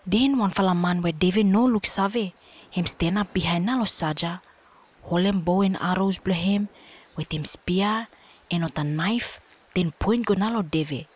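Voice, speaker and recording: A woman's voice: lowish voice, a little slow. A woman with a Solomon Islands accent narrating a storybook expressively in Solomon Islands Pidgin.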